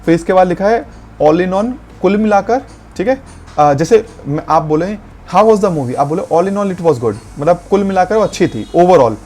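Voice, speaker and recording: A man explaining English vocabulary in a lesson, slowing down to spell out and stress key words. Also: high voice, expressive, a little mellow.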